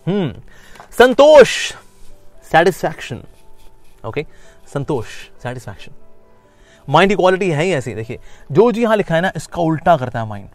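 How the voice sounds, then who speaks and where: A man teaching a spiritual course, mixing Hindi and English, lively and explanatory, sometimes acting out inner voices with sing-song repetition. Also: on the high side, moderate pace, long pauses, dry recording, faint music behind. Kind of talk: Gita lecture.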